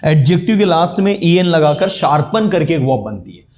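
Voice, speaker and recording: A man teaching an English grammar class, quizzing students in quick questions and saying English example sentences slowly with an Indian accent. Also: on the high side, very animated, darkish tone. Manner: switches between Hindi and slow English example sentences.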